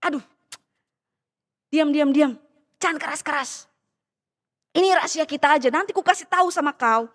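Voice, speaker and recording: A woman's voice: high-pitched, moderate pace, long pauses, long reverb tail. A woman putting on a sly boastful man with a Medan accent. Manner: exclaiming, hushed and conspiratorial. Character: sly, boastful man, a former minibus driver.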